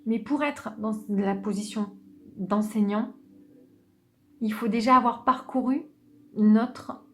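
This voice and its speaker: A woman giving an unscripted tarot reading, speaking gently and hesitantly, with many restarts. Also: mid-range voice. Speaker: tarot reader.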